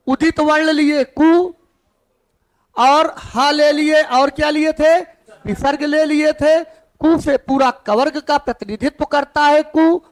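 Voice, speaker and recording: A man teaching Sanskrit to a class, who asks his students questions and then answers them himself. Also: very high-pitched. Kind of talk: classroom lesson.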